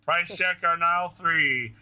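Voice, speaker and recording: A man's voice: fairly high pitch, a little slow, sharp tone, clear, resonant tone. A man doing a mock supermarket announcement. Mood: mock announcing. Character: male store clerk making a supermarket announcement. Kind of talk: playful tabletop game banter.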